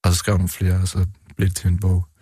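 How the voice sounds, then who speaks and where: A middle-aged man, a poet guest, talking hesitantly in an interview and then reading his poems aloud in a calm, measured way. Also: low voice, slightly rough, no room sound, clean studio sound.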